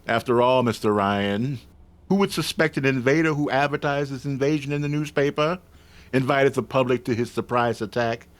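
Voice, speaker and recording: An actor playing a suave, coldly menacing Martian invasion leader, formal and deliberate, in 1950s radio drama style. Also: male voice, mid-range voice, lightly acted. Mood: smug. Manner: measured, smug, formal, deliberate.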